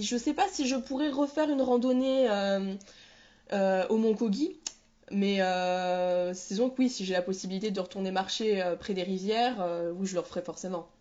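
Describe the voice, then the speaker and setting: A woman from New Caledonia gives casual interview answers about her personal experience, searching for words and correcting herself as she goes. Her voice is fairly high with a darkish tone, and the audio is dull.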